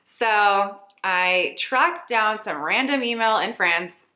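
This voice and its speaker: A woman in her late twenties, a lifestyle blogger chatting through a casual rapid-fire Q&A with a playful, self-teasing manner. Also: medium pitch, pushed and bright, reverberant. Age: late 20s.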